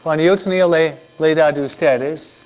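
Captured in a dull, lo-fi recording, a children's teacher with a fairly high voice runs a Sunday school lesson at a moderate pace. He brings the stories to life with animation and keeps asking the kids questions.

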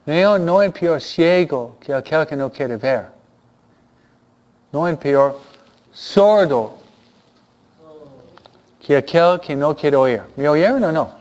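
A man preaching a sermon, animated and repeating phrases for emphasis. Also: fairly high pitch, slow, long pauses, dull audio.

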